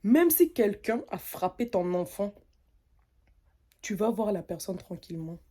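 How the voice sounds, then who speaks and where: A young woman from French Guiana telling an animated, indignant story in a casual rant. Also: mid-range voice, unhurried. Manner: animated, indignant, mimics others' voices. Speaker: content creator.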